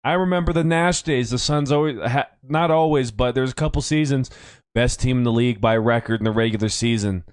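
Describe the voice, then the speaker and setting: A man hosting a casual sports podcast, his voice a bit strained from yelling, rambling and correcting himself as he talks. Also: mid-range voice, a little fast, clean tone, no echo, clean studio sound. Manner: rambling, self-correcting, conversational. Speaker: podcast host; youth coach.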